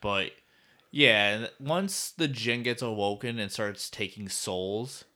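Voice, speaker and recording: A man's voice: fairly low pitch, slow pace, pushed and bright. A man co-hosting a casual film chat, enthusiastic and sweary, acting out bits of dialogue as he retells them. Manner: enthusiastic, profane, filler-heavy retelling with quoted dialogue.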